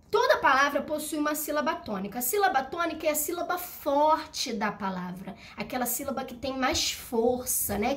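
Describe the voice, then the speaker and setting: A woman's voice: high voice, a bit bright. A woman teaching a video lesson for children, patient and step by step, checking in often and singing out words to show the stressed syllable. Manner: patient, explains step by step, frequent "tá?" and "né?". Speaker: primary school teacher.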